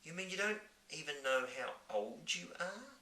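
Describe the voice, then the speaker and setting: A man voicing a small, polite, curious young girl, asking questions in a high, breathless way. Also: animated, measured pace, sharp tone, full character voice. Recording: roomy, from a distant mic.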